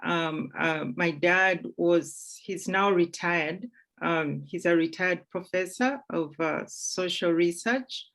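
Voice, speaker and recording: A woman in her forties from Uganda, speaking as a guest at a panel discussion, measured with frequent fillers. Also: lowish voice, a bit bright.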